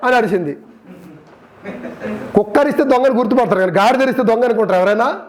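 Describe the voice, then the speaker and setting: High-voiced male preacher. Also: fast. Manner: lively storytelling, keeps asking the congregation questions. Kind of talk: sermon.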